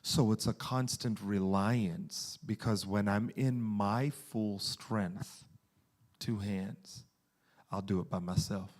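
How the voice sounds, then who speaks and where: A man preaching a sermon in a conversational way, slowing down for emphasis and often restarting his sentences. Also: fairly low pitch, steady tone, darkish tone.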